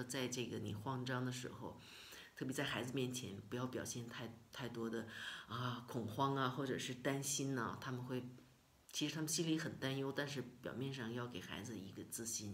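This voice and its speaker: A middle-aged woman from China telling a personal story in a casual vlog, emotional and expressive, with many repeated words and sighs. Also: rumbling low, a little fast, slight background noise. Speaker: vlogger.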